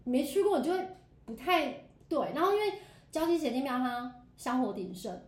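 A woman co-hosting a casual chat, giving quick replies and short chatty asides. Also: high voice, expressive, reverberant. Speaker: podcast co-host.

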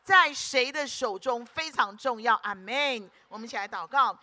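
A woman preacher delivers a sermon in a high, bright, forceful voice. She speaks emphatically and keeps putting rhetorical questions to the congregation to check they are following. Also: expressive, moderate pace.

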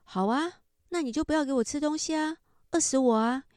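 A woman voicing a defiant teenage boy who coldly provokes and talks back to his mother. His lines come faster and louder than the storyteller's usual voice. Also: mid-range voice, big pitch swings, no echo, studio quality. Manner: cold, provoking, defensive.

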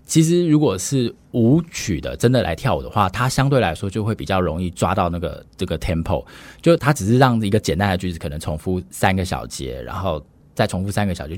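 Low-voiced scholar explaining. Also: male voice, expressive. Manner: measured, lecturing with frequent fillers. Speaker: music scholar guest. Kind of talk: explanatory podcast conversation.

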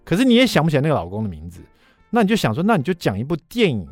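Animated middle-aged radio host. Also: male voice, a little high, very fast, dry recording, soft background music. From Taiwan. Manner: animated, self-mocking anecdote telling. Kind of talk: radio talk show storytelling. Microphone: studio microphone.

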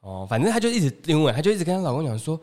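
A man from Taiwan co-hosting a casual podcast chat, telling travel stories in an animated way and acting out the people he overheard. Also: fairly high pitch, racing. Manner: animated storyteller, acts out overheard people in raised voices. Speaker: podcast co-host.

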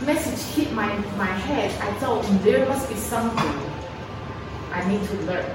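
A woman's voice: fairly high pitch, moderate pace, over loud music. Taiwanese woman, echoey distant room. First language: Mandarin. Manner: chatty, repeats words, laughs often. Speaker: speaker at a sharing event. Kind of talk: personal testimony talk. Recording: echoey room from far off, noisy.

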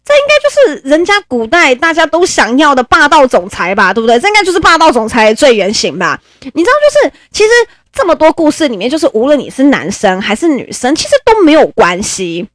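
A woman who hosts a podcast, telling stories in a chatty, animated way and laughing often. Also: sits high, quick pace, no echo, clean studio sound. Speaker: podcast host. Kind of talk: casual storytelling podcast.

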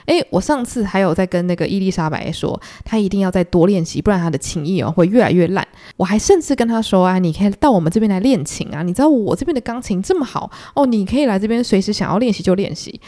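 A woman's voice: medium pitch, expressive, fast talker, hardly any pauses, dark tone, close to an everyday voice. A woman voicing a bossy older aristocratic lady who lectures in a scolding way during a book-club reading.

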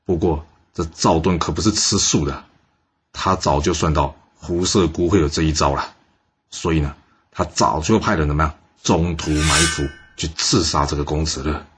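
A man's voice: extremely low pitch, slightly rough. A man telling a history story in a chatty way, often putting questions to the listener.

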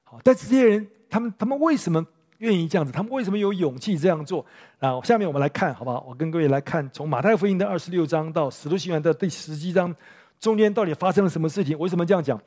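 Man, pastor, fairly high voice, lively storytelling sermon in a church. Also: fast. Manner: lively storytelling with rhetorical questions to the congregation.

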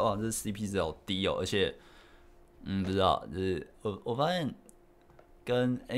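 A young man with a Taiwanese Mandarin accent, chatting casually on his solo podcast in a rambling, self-correcting way. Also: low-pitched. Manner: rambling, self-correcting storyteller with frequent laughs. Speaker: podcast host.

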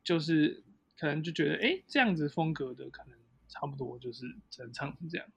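Singer guy in an interview, kinda husky, higher voice, dry mic, restarts sentences. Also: lively intonation, a little fast, a bit bright, no room sound. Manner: reflective, stops and restarts. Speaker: band singer, guest. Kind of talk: casual interview chat.

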